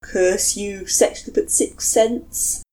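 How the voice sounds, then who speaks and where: A woman's voice: fairly high pitch, very animated, normal speed, mellow, pitched above the performer's own voice. Woman voicing a grandiose, theatrical young man. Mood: flustered. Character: dramatic, gallant young man, flowery speech.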